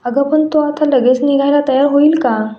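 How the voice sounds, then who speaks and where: A woman voicing a worried older aunt who speaks in a hushed voice. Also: sits high, normal speed, voice pushed up, close to an everyday voice. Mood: hushed worry. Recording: echoey room, dull sound, faint music.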